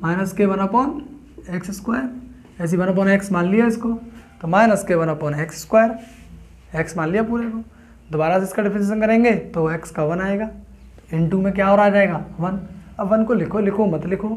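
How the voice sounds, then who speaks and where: Male math tutor, fairly high voice, step-by-step classroom explaining. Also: moderate pace, darkish tone. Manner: explains step by step, asks students questions. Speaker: math teacher.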